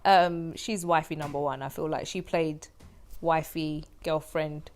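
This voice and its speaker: A woman's voice: sits low, steady tone, measured pace, a little mellow. A woman hosting a podcast, chatting casually and giggling often. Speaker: podcast host.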